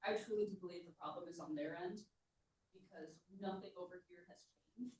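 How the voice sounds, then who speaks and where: A woman's voice: on the low side, fairly quick. Woman, muffled through a wall, far off, very echoey, insistent, matter-of-fact. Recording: very echoey, distant from the mic.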